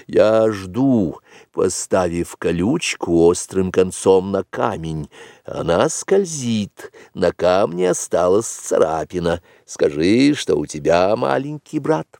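A man voicing Bagheera, a calm, wise female panther, with a low, measured delivery in a storybook reading. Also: creaky, dry recording, studio quality, exaggerated voice.

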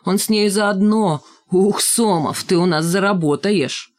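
A woman voicing a brash, loud schoolboy who yells and gloats, in an audiobook reading. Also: mid-range voice, measured pace, lightly acted. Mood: yelling. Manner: yelling, gloating.

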